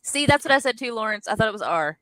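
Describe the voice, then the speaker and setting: A woman's voice: fairly high pitch, sing-song, fast talker, a bit bright, dry recording. A woman, co-hosting a casual chat and laughing often. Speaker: podcast co-host.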